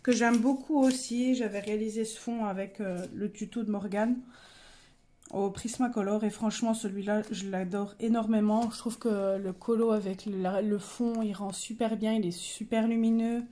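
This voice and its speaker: A woman's voice: medium pitch, fairly even intonation, normal speed, mellow. A young woman casually showing her coloring pages, chatty and hesitant, with many fillers and self-corrections. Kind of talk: casual show-and-tell.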